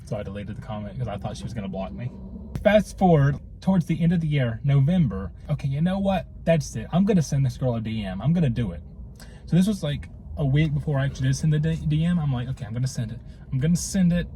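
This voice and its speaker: A man's voice: mid-range voice, lively intonation, fast talker, dark tone. Rambling young man telling a love story. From North Carolina. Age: young adult. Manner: rambling, lots of likes and restarts. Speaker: vlogger telling a couple's story. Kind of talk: casual storytelling. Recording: noisy background.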